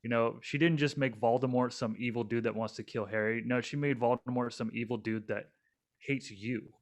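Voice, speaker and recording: A man's voice: mid-range voice, steady tone, normal speed. A young man co-hosting a casual podcast, rambling with lots of fillers and restarts. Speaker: podcast co-host.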